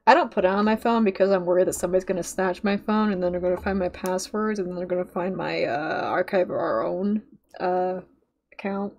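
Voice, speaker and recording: A young woman hosting a casual reaction chat, swearing freely, laughing often and talking in quick bursts. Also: on the low side, darkish tone. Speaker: reaction video host. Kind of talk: casual commentary chat while watching a show.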